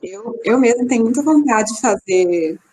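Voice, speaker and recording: A woman's voice: a little high, animated, moderate pace, dark tone, husky, low-quality recording. A woman with a Brazilian accent, a teacher, hosting and thanking a guest lecturer on a video call. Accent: Brazilian Portuguese. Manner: attentive, brief acknowledgements. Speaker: host, teacher.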